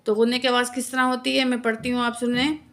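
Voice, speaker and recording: A woman teaching a tajweed lesson, spelling out letters and vowel marks patiently and drawing out recited verses very slowly. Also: on the high side, level tone, noisy background. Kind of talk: slow word-by-word recitation lesson.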